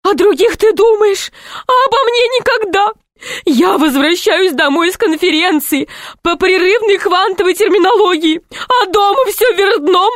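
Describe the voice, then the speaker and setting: A woman reading aloud, voicing a bossy middle-aged wife who nags and scolds in high, near-crying outbursts. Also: moderate pace, a bit bright, no room sound, studio quality. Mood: shrill.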